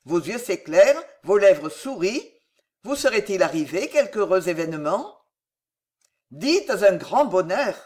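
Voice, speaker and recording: A fervent young count, pouring out devotion to a friend, a little louder than the narration, as the reader puts him on. The voice rises and falls in a lively way. An audiobook character read with plain warmth. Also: mid-range voice, a little slow.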